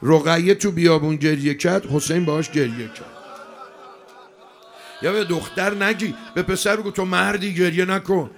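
A man's voice: sits high, slight background noise. Emotional man preaching a mourning sermon. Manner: emotional, swings from loud to hushed.

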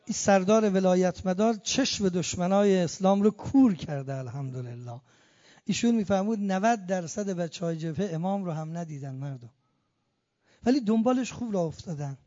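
A man delivering an impassioned sermon as a cleric, chanting verses slowly and rising to emphatic peaks. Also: sits high, expressive, warm tone. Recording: muffled, long hall reverb.

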